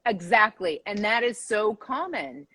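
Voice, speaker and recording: Lively, breathy woman co-host. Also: medium pitch, measured pace, dry recording. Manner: animated, blunt, joking. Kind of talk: casual chat.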